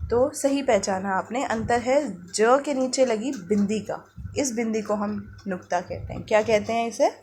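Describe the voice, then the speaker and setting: A woman teacher leads young children through a worksheet, slowing down to sound words out piece by piece. She keeps asking the class questions and answering them herself. Faint clicks and low noise sit under the recording. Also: darkish tone. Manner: slow, syllable-by-syllable reading of words for young pupils. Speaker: primary school teacher.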